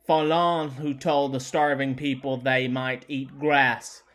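A man reading out the vengeful cries of frenzied, starving women in a halting manner. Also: medium pitch, level tone, a bit bright. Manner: halting, repeating words.

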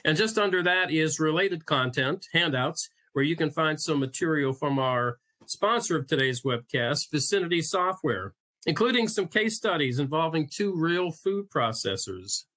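Bright-voiced man hosting a webinar. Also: on the high side, expressive, moderate pace. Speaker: webinar host, magazine editor. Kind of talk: scripted webinar introduction.

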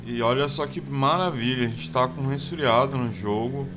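A let's play host rambles through his survival game with lots of fillers, his Brazilian Portuguese accent clear in a mid-range voice. He talks at a normal speed against a noisy background.

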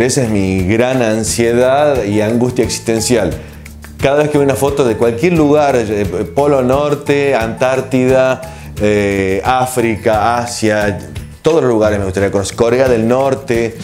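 A man in his forties with an Argentine accent, answering interview questions in a relaxed, reflective way with frequent filler pauses, on a lapel mic in a small studio. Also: on the low side. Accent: Argentine Spanish. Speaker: TV host and producer, interview guest.

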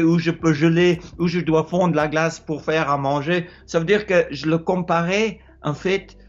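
Speaking French as a second language, a middle-aged South African man with an Afrikaans accent talks haltingly and informally about exploring and offers advice. He sounds a little high, hesitates, repeats words and searches for them. The lo-fi recording comes from a phone held close at a low angle inside a room with a wooden ceiling.

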